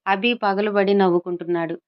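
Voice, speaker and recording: Smooth-voiced woman narrating a story. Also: medium pitch, steady tone, brisk. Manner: reads every character's lines in her own plain voice. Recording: slightly dull lo-fi recording.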